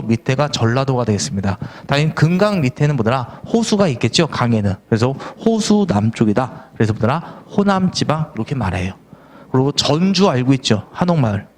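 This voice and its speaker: A middle-aged man giving an exam-prep history lecture, sounding worn out, grumbling in asides and then quizzing his students with questions. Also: on the high side.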